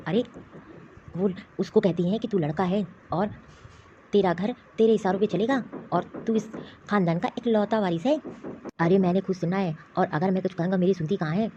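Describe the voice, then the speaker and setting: A woman's voice: mid-range voice, moderate pace, dark tone, natural voice. A woman voicing a kind father who backs his daughter in a cartoon. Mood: supportive. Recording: dull lo-fi track with noise.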